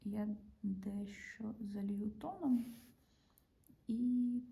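A woman art teacher with a Ukrainian accent calmly explains each pencil stroke of a drawing as she works, often dropping to a half-whisper. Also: mid-range voice, moderate pace, creaky, rough recording. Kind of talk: drawing lesson narration.

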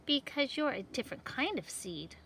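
A woman's voice: high voice, sing-song, normal speed, a bit bright, a little hiss or hum, voice pushed up, heavily acted. A woman voicing a confident, know-it-all young marigold seed in a picture-book read-aloud, emphatic and slightly bossy. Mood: bossy, sure.

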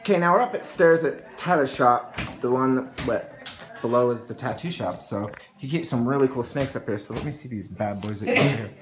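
A man's voice: mid-range voice, fairly quick, background noise. A man filming a casual road-trip vlog with his son, chatty and joking, talking into a handheld phone camera. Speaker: father vlogging a road trip.

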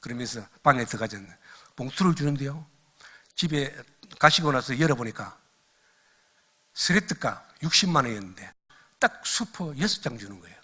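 A man's voice: medium pitch, normal speed, long pauses, breathy edge. An older man, a missionary, giving a lecture full of personal stories that he tells with animation and laughs at along the way. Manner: animated storyteller who laughs at his own stories.

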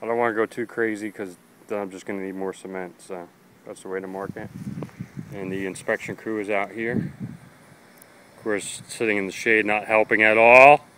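A man with a low, everyday voice walks through a backyard digging project step by step, practical and unpolished, with plenty of fillers. At times he sounds worn out and short of breath from the work. Faint outdoor noise and an occasional passing car sit behind him. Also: level tone, normal speed, fairly bright tone, poor audio. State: tired, catching his breath. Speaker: amateur radio hobbyist, DIY video maker. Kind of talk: casual how-to narration while working outdoors.

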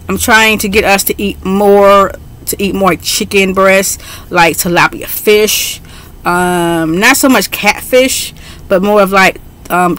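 A middle-aged woman talking casually on a home webcam in an excitable, chatty way, with frequent fillers. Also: mid-range voice, a little hiss or hum. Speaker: beauty vlogger. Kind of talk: casual haul video. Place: bedroom at home, indoors. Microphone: webcam at desk.

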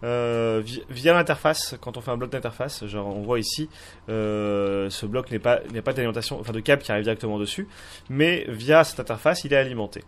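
A man's voice: medium pitch, a little fast. A man with a French accent hosting a casual game tutorial, talking hesitantly with many fillers and restarts. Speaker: Minecraft mod tutorial host. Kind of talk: casual screen-recorded tutorial.

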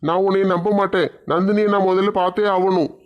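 A woman voicing an angry young man who demands to see his fiancée, in a gruff, demanding way. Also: medium pitch, fairly even intonation, a little fast, muffled recording, voice pushed down, lightly acted.

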